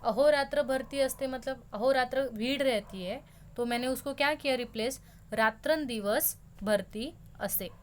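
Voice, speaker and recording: A woman's voice: sits high, steady tone, normal speed. A young woman teaching a school lesson, explaining words patiently and slipping English terms into her talk.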